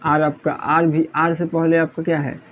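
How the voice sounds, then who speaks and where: A man's voice: on the high side, flat delivery, moderate pace, fairly bright tone, a little hiss or hum. A man teaching English pronunciation in a classroom style, repeating points and asking questions he answers himself. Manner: repetitive, asks students questions then answers.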